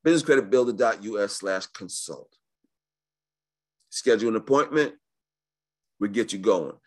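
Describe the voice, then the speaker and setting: A man giving a casual, slangy live webinar sales pitch in the manner of a home shopping host, pushing deals and often checking in with the listener. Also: lively intonation, moderate pace. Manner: informal and slangy, often checking in with right and okay. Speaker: business credit coach hosting a sales webinar.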